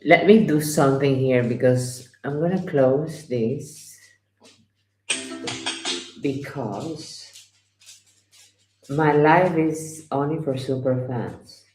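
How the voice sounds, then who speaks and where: A woman's voice: extremely low pitch, slow pace, pauses often, darkish tone, echoey room, faint music behind, poor audio. A woman from Ecuador, a tarot reader chatting casually on a livestream and telling stories. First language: Spanish. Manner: anecdotal, acts out dialogue, chatty asides. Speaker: tarot reader and live streamer.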